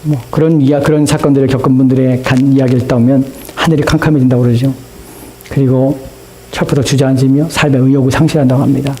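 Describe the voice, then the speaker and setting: A man's voice: medium pitch, little pitch movement, fast talker, dark tone, a little hiss or hum, rough recording. A man preaching a Sunday sermon as pastor in a church, impassioned and rising to emphatic peaks. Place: church sanctuary.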